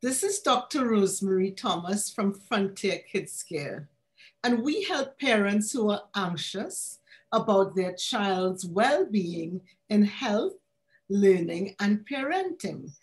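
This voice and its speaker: A woman with a Trinidadian accent hosting a pediatric health talk, chatty and quick to laugh. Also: medium pitch, sing-song. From Trinidad and Tobago. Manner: warm, chatty, laughs often. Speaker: pediatrician and host. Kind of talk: online health talk interview.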